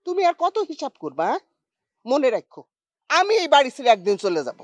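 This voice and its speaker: An actress playing an exasperated, scolding older wife in a TV drama, in colloquial dialect. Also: female voice, high-pitched, sing-song, a little fast, no echo, clean studio sound. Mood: defiant. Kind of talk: TV drama acting.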